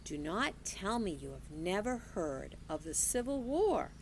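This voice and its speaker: Lady reader doing a proper old southern librarian, slow and a bit gravelly. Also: mid-range voice, sing-song, slight background noise. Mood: genteel. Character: genteel elderly Southern woman librarian.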